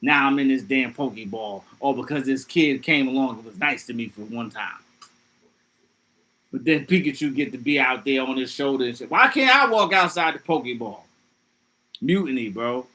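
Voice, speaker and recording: Bright-voiced man riffing casually on stream. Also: medium pitch, normal speed, pauses often. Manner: loose, profane, joking riffs. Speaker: livestream host. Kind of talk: casual livestream commentary.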